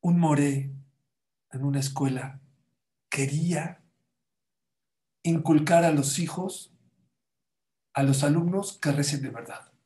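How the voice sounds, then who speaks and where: A man, a religious teacher who tells children stories and teaches them in an animated way, repeating words and asking them questions. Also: fairly high pitch, takes it slowly, pauses often. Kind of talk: lesson and storytelling for children.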